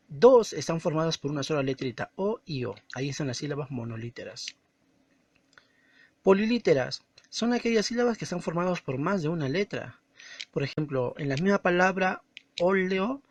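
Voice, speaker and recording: Male teacher, slightly high voice, slow and didactic, dry close recording. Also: no echo. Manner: slow and didactic, stressing words and syllables. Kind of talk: recorded classroom lesson.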